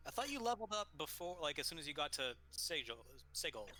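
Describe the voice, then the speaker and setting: A man's voice: a little high, very animated, quick pace, sharp tone, a little hiss or hum. A man acting as game master in a casual chat, wry and hesitant with his words. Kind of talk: casual chat among tabletop players.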